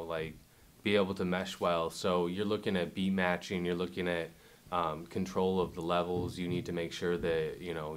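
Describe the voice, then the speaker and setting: In a relaxed documentary interview, a man with a very low voice chats easily about his work. He's laid-back and rambling, full of fillers and restarts.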